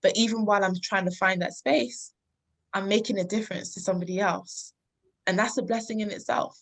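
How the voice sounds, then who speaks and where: A woman's voice: medium pitch, steady tone, fairly quick, a bit bright. Earnest woman in her thirties, from London. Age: 30s. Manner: earnest, reflective, laughs often. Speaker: podcast guest. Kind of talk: casual interview talk.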